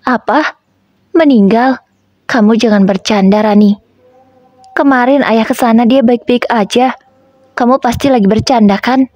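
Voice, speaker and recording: A woman voicing a panicked grandfather in a spoken story, with a husky voice. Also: fairly high pitch, moderate pace, long pauses, a little mellow, no echo, natural voice. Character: panicked grandfather, father of narrator.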